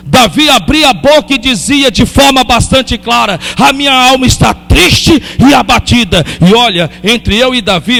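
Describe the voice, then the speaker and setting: A man preaching an impassioned sermon as pastor, fervent and rising to loud exclamations. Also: extremely high pitch, creaky.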